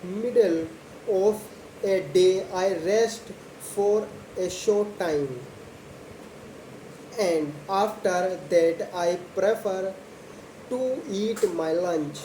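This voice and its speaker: A young woman speaks English as a second language at an extremely slow, deliberate pace, pausing between short simple phrases. Her voice is soft-edged and mellow. The recording has an echoey room sound with faint noise behind it. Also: mid-range voice. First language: not English. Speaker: host of a slow English speaking practice video. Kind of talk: slow spoken monologue about a daily routine for English learners.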